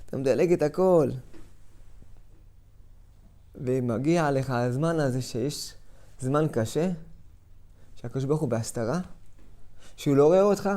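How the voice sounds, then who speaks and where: A middle-aged man giving a sermon as a rabbi, dramatic, moving between hushed tones and loud outbursts and acting out inner voices. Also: mid-range voice, pauses often. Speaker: rabbi giving a weekly lesson.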